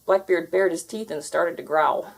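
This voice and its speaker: A woman's voice: lowish voice, moderate pace, vocal fry. A woman narrating a storybook aloud expressively for children.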